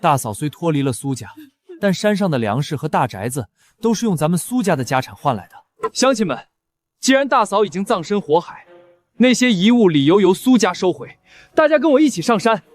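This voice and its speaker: A man's voice: sits high, very animated, fairly quick. An actor playing a bitter, scheming young scholar who failed his exams, with a resentful, sneering way of speaking. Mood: falsely mournful.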